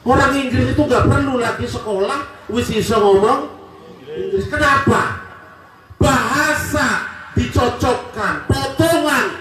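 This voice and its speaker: Javanese accent man preaching, joking, loud then quiet, high voice, far off mic with big echo. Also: takes it slowly. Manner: lively, joking, shifts between loud and quiet. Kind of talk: religious sermon to a crowd. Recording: echoey from far off.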